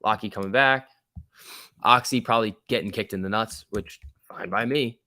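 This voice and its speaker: A man's voice: lowish voice, normal speed, pushed and bright, no echo. A man hosting a live stock trading stream, chatting casually in slangy, chummy off-the-cuff commentary as he answers viewers. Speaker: stock trading livestream host.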